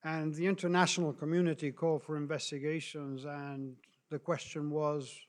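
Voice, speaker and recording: A man from Chile and Argentina giving a lecture in a deliberate, halting way, with frequent fillers and restarts. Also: on the high side. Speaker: speaker on human rights law. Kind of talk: lecture presentation.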